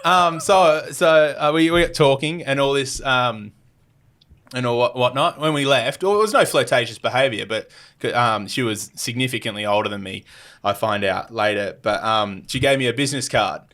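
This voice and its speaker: On a podcast, a young Australian man tells a travel story as a guest, rambling along at a moderate pace. His mid-range voice is fairly bright, and he keeps restarting, dropping fillers, and acting out what people said.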